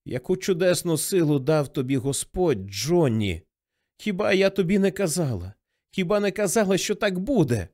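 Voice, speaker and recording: A frail old mother after a stroke speaks high and slow, hoarse and halting as she pleads with her son, as a male reader puts her on. Her pitch climbs and falls with feeling in this audiobook reading. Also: animated, a little mellow. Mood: fervent.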